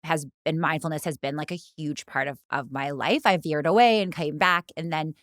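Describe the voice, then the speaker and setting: Reflective woman, low voice, dry close mic. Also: normal speed, a bit bright, no room sound. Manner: reflective, speaks in long flowing thoughts with many "like" fillers. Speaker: guest, fitness studio co-founder. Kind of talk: casual conversation.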